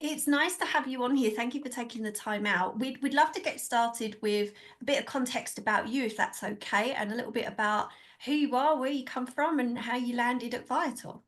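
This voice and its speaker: A woman hosting an interview podcast, reading a bright scripted intro and then asking friendly questions. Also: on the high side, fairly quick, few pauses. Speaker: podcast host. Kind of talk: casual interview chat.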